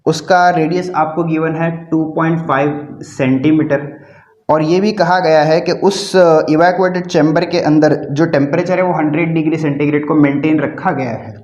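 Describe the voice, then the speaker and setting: A man's voice: a little high, darkish tone. A man teaching a physics lesson, solving numericals in a reassuring tone and drawing out words as he writes. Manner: reassuring, calls students बच्चों, stretches words while writing. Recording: dull lo-fi sound in an echoey room.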